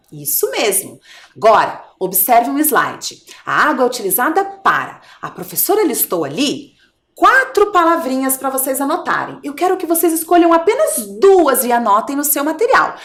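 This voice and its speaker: A woman's voice: a little high, a bit bright, reverberant. A woman with a Brazilian Portuguese accent, a primary school teacher giving a video lesson to young children, coaxing them along in a sing-song voice and drawing out her words.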